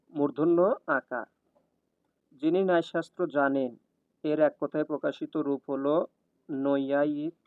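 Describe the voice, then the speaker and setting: A man reading exam questions and their answers one after another in an even, steady cadence, like a tutor. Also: fairly high pitch, no echo. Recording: tinny, dry, phone-like sound.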